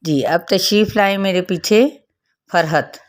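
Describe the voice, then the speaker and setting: A woman's voice: fairly low pitch, a little slow. A woman teaching Quran reading, patiently explaining the rules and modelling each sound for her student. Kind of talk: step-by-step recitation lesson.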